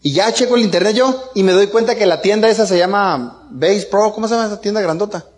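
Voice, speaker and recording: This is a middle-aged man, speaking a touch higher than most men. He tells personal stories to a seminar crowd in a casual, colloquial way. He jokes as he goes and keeps checking in with his listeners. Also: fast. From Mexico. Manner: joking, colloquial, tags lines with "¿no?" and "¿ah?". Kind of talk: seminar storytelling talk.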